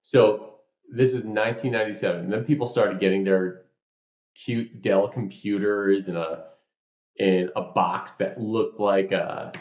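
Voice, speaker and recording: A man from New York co-hosting a podcast, explaining ideas through lively stories and examples. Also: lowish voice, measured pace. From New York, USA. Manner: animated storyteller, explains with examples. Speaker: podcast co-host. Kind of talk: casual podcast chat. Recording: roomy, slightly dull sound.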